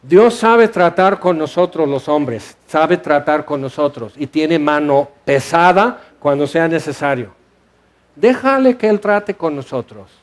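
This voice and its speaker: A man's voice: a little high, lively intonation, a little slow. A man preaching a sermon in a church hall, asking rhetorical questions and explaining scripture with animation. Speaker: pastor.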